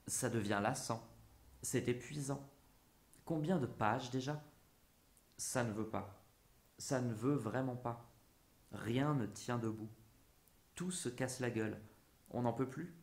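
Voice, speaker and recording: A man's voice: mid-range voice, takes it slowly, gravelly, pauses often. A man reading a literary essay aloud in a musing, theatrical way. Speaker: narrator. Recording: roomy echo.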